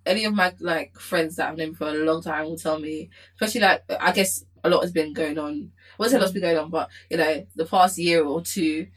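Female podcast co-host, 20s, slightly low and raspy, informal and conversational. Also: a little fast, few pauses, poor audio. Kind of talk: casual group chat.

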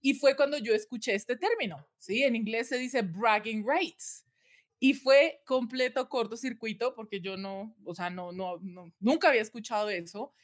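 A woman's voice: fairly high pitch, moderate pace. A woman from Colombia, a communication expert telling her story earnestly as a podcast guest and often checking in with the listener. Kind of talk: conversational podcast interview.

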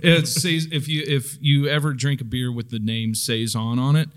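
A mid-pitched man chatting casually on a podcast. He rambles a little and fills his pauses with ums and uhs, keeping a relaxed, easygoing tone. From Oklahoma. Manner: relaxed, rambling with many fillers. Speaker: podcast co-host and brewer. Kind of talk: casual chat.

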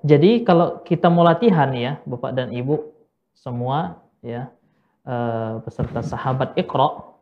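A fairly high-voiced man with an Indonesian accent, teaching Quran letter pronunciation. He explains slowly, hesitating with fillers, and demonstrates each sound aloud. The audio is a little dull and muffled. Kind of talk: Iqra pronunciation lesson.

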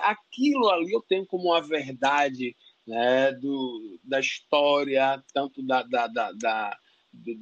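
An interview guest with a Bahian Brazilian Portuguese accent speaks in a medium-pitched, slightly bright voice, answering questions passionately and emphatically, his voice rising on key points. He often tags sentences with "né" and stumbles into restarts as his thoughts race ahead, and the audio is a touch muffled.

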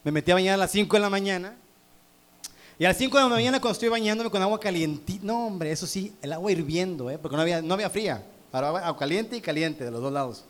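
A man's voice: sits high, animated, fast talker. A man with a Mexican accent, preaching a sermon through a humorous personal story, teasing the congregation. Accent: Mexican Spanish.

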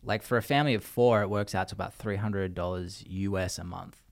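A man's voice: low voice, brisk, creaky. An Australian man chatting casually as a podcast guest, telling stories in a rambling way with many restarts. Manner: rambling, restarts, lively storytelling. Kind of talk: casual chat.

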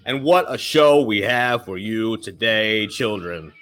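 A man's voice: on the low side, lively intonation, measured pace, a bit bright, soft background music. A man hosting a live podcast, hyping it up, swearing and repeating his phrases, while a chest cold keeps him coughing. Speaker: podcast host. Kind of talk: casual live podcast chat.

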